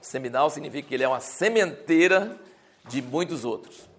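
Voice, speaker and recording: A man's voice: on the high side, lively intonation, fairly quick. A man teaching a Bible class in a conversational, explanatory way, often restarting his sentences and rising to emphatic stretches.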